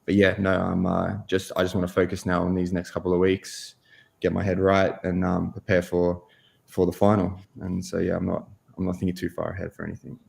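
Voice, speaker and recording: Young man, goalkeeper guest, deep gravelly voice, flat delivery, keeps restarting with fillers. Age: 20s. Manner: halting, heavy with fillers and restarts. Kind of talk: casual interview answers.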